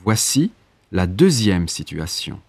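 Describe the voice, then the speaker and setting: A man with a fairly low voice reads exam instructions very slowly. His delivery is formal and neutral, and the sound is dry, without room echo. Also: big pitch swings, creaky, breathy edge. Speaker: exam narrator giving instructions. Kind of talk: scripted test instructions.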